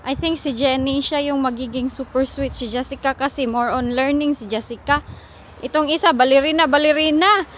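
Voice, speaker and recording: A woman's voice: high voice, steady tone, normal speed, reverberant, slight background noise. Chatty pregnant mother vlogging outdoors. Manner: chatty, storytelling, mixes languages. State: pregnant, tired from walking. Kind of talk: casual vlog chat while walking.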